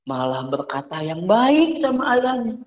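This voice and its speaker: A man telling a religious story to children, animated and often asking them questions. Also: sits high, unhurried, highs cut off. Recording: echoey room with long reverb.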